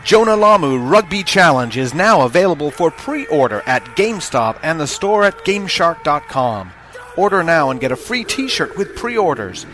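A man's voice: a little high, sing-song, normal speed, a bit bright, soft background music. A man reads a scripted hard-sell promotional advert as an announcer, urging listeners to buy.

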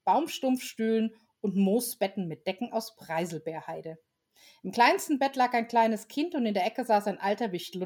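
A woman reading a children's Christmas story aloud in a relaxed way, with small slips and restarts. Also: medium pitch.

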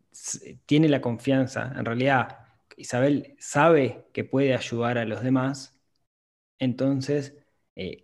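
A man's voice: medium pitch, darkish tone. A man hosting a podcast, talking thoughtfully in a casual conversation with frequent restarts. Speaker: podcast host, finance author.

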